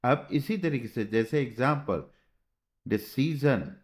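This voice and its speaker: Slow, patient man teaching a lesson. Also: mid-range voice, expressive. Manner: slow, patient, spells out sounds and checks with "theek hai". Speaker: shorthand teacher. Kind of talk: classroom lesson.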